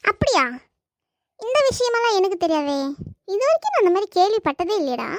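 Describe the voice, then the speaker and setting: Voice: very high-pitched, very animated, a little fast, dry recording, clean studio sound, exaggerated voice. A performer voicing a grumpy, sarcastic grandmother in a family comedy cartoon, scolding and brushing off her grandson. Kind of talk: family comedy skit dialogue.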